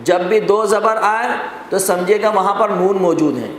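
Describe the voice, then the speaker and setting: A man teaching a Quran recitation class, explaining rules step by step, quizzing his students and repeating lists. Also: high voice. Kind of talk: classroom lesson. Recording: very echoey hall with faint noise.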